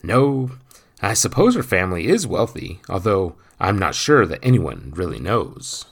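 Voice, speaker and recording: A man voicing a portly, nosy villager who blusters loudly through mouthfuls of food. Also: low-pitched, very animated, measured pace, vocal fry, husky, exaggerated voice. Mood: blustering. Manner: loud, blustering, talks with his mouth full.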